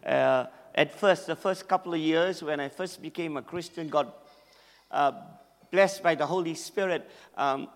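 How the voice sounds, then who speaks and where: A man with a Malaysian English accent, originally from Malaysia, preaching as a guest in church, excitable and over the top with frequent laughter. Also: fairly high pitch, unhurried. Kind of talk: sermon. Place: church hall. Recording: echoey church hall with long reverb.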